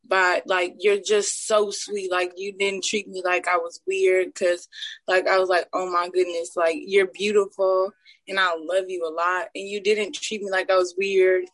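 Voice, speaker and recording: A woman's voice: on the low side, little pitch movement, measured pace, dry recording, low-quality recording. A young woman calls in to the show, her voice dry and close with no room sound. She gushes with praise in casual chat, dropping "like" into nearly every phrase. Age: young adult. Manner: gushing, fills her speech with "like". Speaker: caller.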